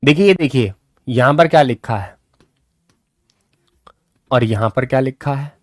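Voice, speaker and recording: A man's voice: mid-range voice, a little slow, no echo, studio quality. A man teaching English grammar in a live online class, repeating key points and coaxing his students along.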